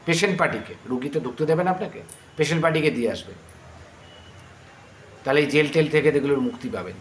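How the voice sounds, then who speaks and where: A middle-aged man with a Bengali accent teaching astrology, earnest and pleading as he explains. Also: a little high. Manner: earnest, pleading, chants mantras slowly. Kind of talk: astrology lesson. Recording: echoey room, faint ambient noise.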